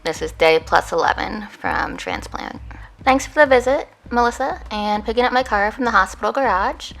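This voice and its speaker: A woman's voice: a little high, normal speed, creaky, fairly bright tone, faint music behind, rough recording. A woman who is a patient, talking casually to viewers in a personal video diary. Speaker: patient vlogger.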